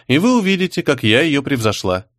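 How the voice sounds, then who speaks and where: A man reading the part of a composed young woman who answers an interrogation calmly and with pointed defiance. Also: medium pitch, no room sound, studio quality. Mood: calm defiant. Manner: calm, measured, pointed.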